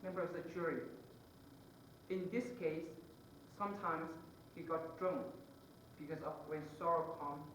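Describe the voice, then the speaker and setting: A man's voice: a little high, fairly bright tone, a little hiss or hum. Earnest man in an echoey hall. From Vietnam. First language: Vietnamese. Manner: earnest, halting, with many pauses between phrases. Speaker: student advocate giving closing argument. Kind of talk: mock trial closing argument. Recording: echoey room, voice far from the mic.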